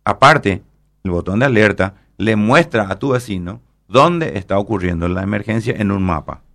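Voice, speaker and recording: A man talks through an explanation at length as an interview guest. His voice sits low and has a gravelly, creaky texture. He keeps checking in with his listener as he rambles on. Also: animated, moderate pace, fairly bright tone. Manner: explanatory, rambling with fillers and tag questions. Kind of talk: explaining an app in a radio interview.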